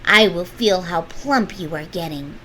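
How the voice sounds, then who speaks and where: A woman voicing a cranky, greedy old witch in a storybook read-aloud, loud and snapping. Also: lowish voice, measured pace, a little hiss or hum, rough recording. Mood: gloating.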